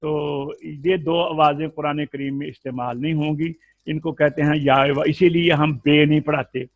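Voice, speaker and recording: A man's voice: fairly high pitch, fairly even intonation, normal speed, no room sound. A man teaching Quran recitation in an explanatory lesson, patiently drawing out vowel sounds to demonstrate them.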